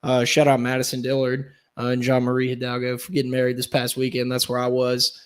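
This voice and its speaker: A man hosting a casual sports podcast, upbeat and talking in quick bursts. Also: medium pitch, monotone, smooth. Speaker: podcast host.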